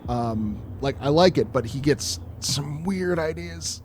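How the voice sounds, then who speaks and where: A man's voice: a little high, lively intonation, slow, slight background noise. Rambling, swearing streamer man. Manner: rambling, profane and chatty. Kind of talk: casual gameplay commentary.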